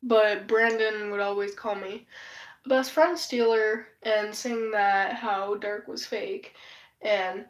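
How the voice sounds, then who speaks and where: A woman's voice: medium pitch, fairly even intonation, slow. A woman who is sick and losing her voice, chatting casually on a live stream in a rambling, profane, gossipy way.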